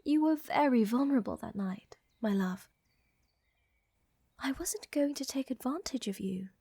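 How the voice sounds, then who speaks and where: In a roleplay ASMR, a woman heavily acts the part of an elegant, flirtatious, tender vampire countess, her soft, breathy, genteel delivery often sinking to a whisper. Her voice sits on the high side, and the recording is dry.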